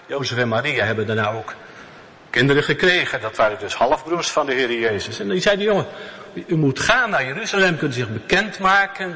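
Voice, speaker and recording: A man preaching a sermon in a church, slow and emphatic, repeating key words. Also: mid-range voice, bright, forceful tone. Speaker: pastor. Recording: long church reverb.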